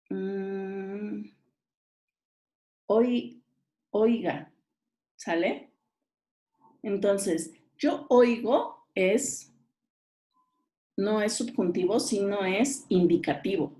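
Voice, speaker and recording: A woman's voice: mid-range voice, warm tone. A woman teacher patiently explains exam answers and often checks that her listeners follow. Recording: roomy echo.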